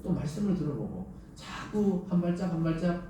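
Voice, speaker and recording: Animated male pastor in echoey church. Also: a little high, moderate pace, slight background noise. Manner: animated storytelling preaching, acting out scripture voices. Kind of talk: Sunday sermon. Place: church sanctuary. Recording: echoey church hall, distant mic.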